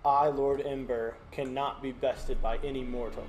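A man voicing a menacing male lord with a big booming voice, cast as a magical illusion in a tabletop game. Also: level tone, moderate pace, a little mellow, faint music behind, natural voice. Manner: proud and threatening. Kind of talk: acting out a character in a tabletop game.

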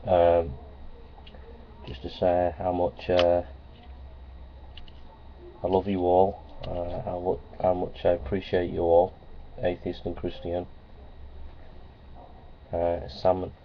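Slow and monotone, pausing often, a middle-aged vlogger speaks in a low voice to a webcam at close range. His manner is plainspoken and repetitive, with many ums and uhs and recurring phrases. The setting is a small office with framed certificates on the wall, captured in dull lo-fi audio with a faint hiss.

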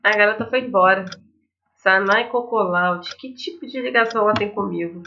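Playing a visual novel on camera at home, a young woman with a Brazilian accent chats informally and reads the on-screen text aloud. Her medium-pitched voice has a sharp tone and moderate pace, with slight background noise, a muffled lo-fi mic and game music underneath.

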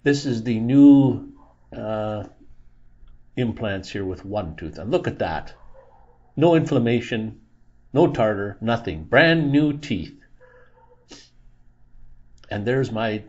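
A man's voice: lowish voice, lively intonation, slow, pauses often, darkish tone, dull audio. A man in his sixties narrating a casual vlog in a dental clinic, chatty and plain-spoken, laughing at himself. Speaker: vlogger.

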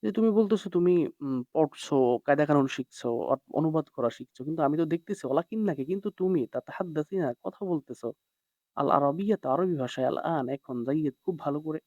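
A man's voice: fairly high pitch, fast, darkish tone, no echo. A man teaching an Arabic text line by line, translating each word and checking in with his students. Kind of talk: classroom lesson explaining a text. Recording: dry, dull lo-fi sound.

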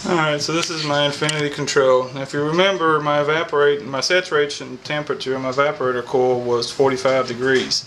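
An HVAC technician in his thirties with a Kentucky accent gives a casual on-the-job explanation of heating and air repair, first outdoors by an AC unit and then inside a house, filmed on a camera mic. His slightly high voice is fairly even, fast and nearly pause-free over a noisy background. He's folksy, thinks aloud, and says "all right" a lot.

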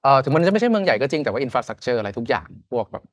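Fast-talking Thai man in his thirties. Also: mid-range voice, big pitch swings. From Thailand. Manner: quick, loose talk with casual slang. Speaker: podcast guest. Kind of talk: casual chat.

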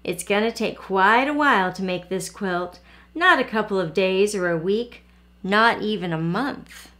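A proud old grandmother drawls her homespun folksy speech slowly, drawing words out as she muses over her quilt, put on by a woman reading a storybook aloud. She sounds older and gentle, speaking at an unhurried pace. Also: mid-range voice, natural voice. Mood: fond. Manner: folksy dialect speech, slow and drawn out.

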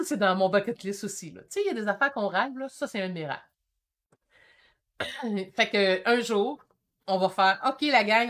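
A woman in her fifties with a Québécois French accent, chatting excitedly while reading viewer comments on her painting stream. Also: mid-range voice. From Quebec. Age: 50s. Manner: excitable and chatty, quick shifts in energy. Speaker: painting channel host. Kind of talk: casual livestream chat reading comments.

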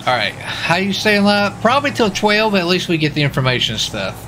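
This young man has a high, sing-song voice and talks a little fast over a noisy background. He's a livestreamer and role-player, chatting casually while gaming and rambling and repeating himself as he goes.

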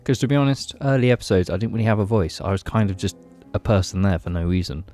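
Low-voiced young man, tipsy and rambling. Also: fast talker, darkish tone, soft background music. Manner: tipsy, rambling drunk talk with repeated phrases. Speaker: podcast co-host. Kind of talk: casual podcast chat. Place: small padded attic room. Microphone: podcast mic on boom arm.

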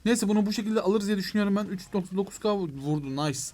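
A young man giving excitable let's play commentary on a mobile game, talking to his viewers and to the game, with mock frustration when things go wrong. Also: high voice, fast talker. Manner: excitable, addresses viewers as "gençler". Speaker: gaming YouTuber.

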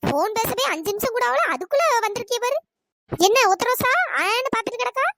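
A woman doing Chellathayakka, shrill scolding aunt. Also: expressive, bright, forceful tone, dry recording, exaggerated voice. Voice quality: squeaky, sped-up cartoon voice. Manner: shrill scolding, fast and accusing. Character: bossy village woman orchard owner, scolding. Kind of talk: cartoon storytelling.

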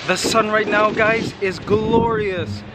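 Male vlogger, thirties, high-pitched, exclamatory casual chat, recorded on a noisy city street. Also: slow pace. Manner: animated, exclamatory, talking while walking. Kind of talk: casual walking vlog chat. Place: outdoors walking along a residential city street. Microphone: camera held at arm's length. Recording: outdoor city street noise, passing cars. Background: street ambience and vehicles.

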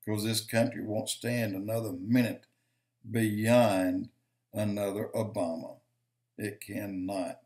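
Speaking to a webcam from his home office, an older video commentator preaches slowly and emphatically, ticking off points one by one and repeating lines to stress them. The voice sits on the low side, steady in tone and slightly mellow.

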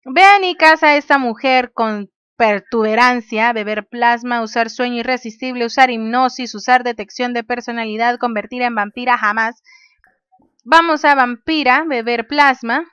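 A woman's voice: on the high side, normal speed, fairly bright tone, clean tone, no room sound, highs cut off. A woman casually commenting on a life-sim game, reading menu options aloud and laughing often. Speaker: gaming youtuber. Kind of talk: casual let's play commentary.

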